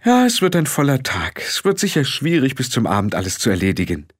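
Ein Mann spielt eine fürsorgliche, geschäftige ältere Dorfhexe mit betulicher, fröhlicher Art. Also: male voice, medium pitch, wildly swooping pitch, a little fast, breathy edge, voice pushed up. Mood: fussy, cheerful. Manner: fussy, cheerful. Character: caring older village witch woman, busy and cheerful.

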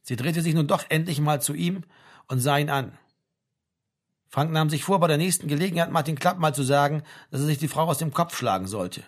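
A man narrating a novel as an audiobook in an expressive, dry manner. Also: a little high, fairly quick. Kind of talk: scripted narration.

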